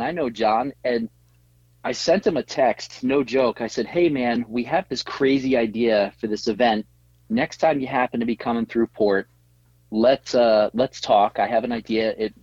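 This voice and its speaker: A middle-aged man, a tattoo artist guest, telling an animated story in a casual interview, laughing often and acting out what people said. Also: mid-range voice, breathy edge, no echo, lo-fi sound.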